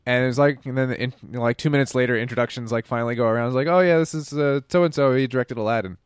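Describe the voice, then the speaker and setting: A man chatting casually, asking follow-up questions and telling a quick story. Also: medium pitch, clean tone, no room sound, studio quality. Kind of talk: casual chat.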